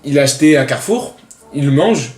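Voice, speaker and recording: A young man telling jokes casually and deadpan, slangy and halting, often repeating himself. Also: a little high. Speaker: contestant in a joke-telling challenge. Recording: roomy echo, music behind. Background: music.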